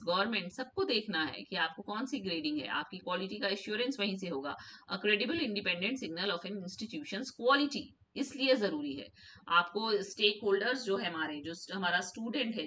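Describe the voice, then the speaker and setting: A woman's voice: medium pitch, bright, forceful tone, recorded from a distance, a little hiss or hum, poor audio. A woman with an Indian accent, an assistant professor of education, lecturing students patiently and switching between read English points and Hindi explanation.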